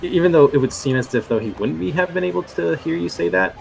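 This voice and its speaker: A man's voice: fairly high pitch, animated, fast, creaky. A man narrating as game master of a tabletop game, rambling with many fillers and restarts.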